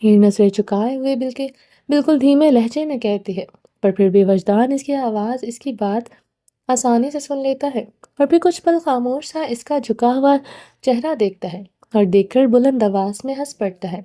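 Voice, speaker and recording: A woman narrating a romance novel as an audiobook, steady and plain. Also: fairly high pitch.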